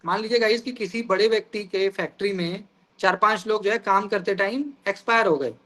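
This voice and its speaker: A man's voice: high voice, brisk, bright, forceful tone. A man teaching an online exam-prep class over a video call, explaining terms through everyday examples and often calling the students "guys".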